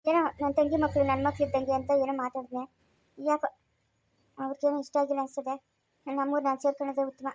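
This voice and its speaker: A woman's voice: high voice, level tone, fast, pauses often, darkish tone, dry recording, lightly acted. A woman playing an elderly village aunt with a rural Chikkaballapur Kannada accent in a village family skit, sighing and murmuring asides to herself. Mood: weary, sighing. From Karnataka. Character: elderly village aunt, gentle and long-suffering.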